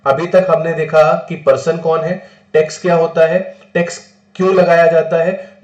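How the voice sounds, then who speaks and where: A male tax lecturer from northern India, talking in a slightly high voice and often switching to English terms. He poses questions to the class and answers them himself. The recording has a roomy echo. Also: a little mellow. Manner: mixes English terms into Hindi explanation. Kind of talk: exam-prep classroom lecture.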